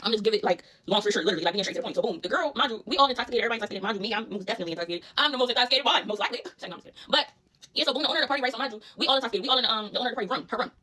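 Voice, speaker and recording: Fast-talking young Philly woman, high voice. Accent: Philadelphia. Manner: rapid, animated, profane street slang. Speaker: storyteller. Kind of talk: casual storytime vlog.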